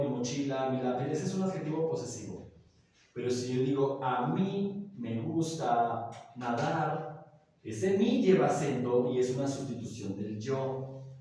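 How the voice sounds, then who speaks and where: A man's voice: medium pitch, warm tone. A male teacher, patiently explaining grammar to a class, with many examples and frequent checks that students follow. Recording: echoey classroom, from far off.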